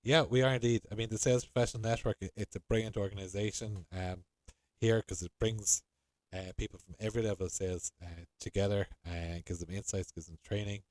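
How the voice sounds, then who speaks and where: A man's voice: lowish voice, little pitch movement, fairly quick, a little mellow, dry recording. Middle-aged west of Ireland man, dry close sound. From Galway, Ireland. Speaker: podcast co-host, hotel sales professional. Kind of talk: conversational podcast talk.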